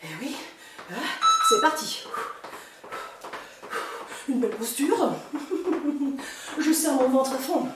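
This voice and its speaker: A high-voiced woman fitness instructor exercises as she coaches, puffing with effort between counts and cues. She is playful and urging, heard from far off in a very echoey room with clear noise behind her. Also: expressive, takes it slowly, long pauses. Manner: exerting, breathy puffs while exercising.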